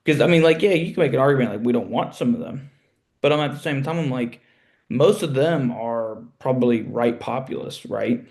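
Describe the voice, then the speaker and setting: A man's voice: mid-range voice, lively intonation, a little fast, vocal fry, darkish tone. A young man hosting a casual political podcast, thinking aloud and putting questions to his co-hosts. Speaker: podcast host.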